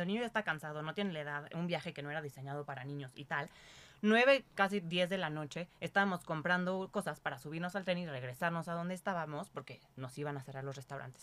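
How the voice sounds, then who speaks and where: Animated Mexican woman telling a story. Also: deep voice. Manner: animated storyteller, acts out quotes, swears casually. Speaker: podcast co-host. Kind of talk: casual chat.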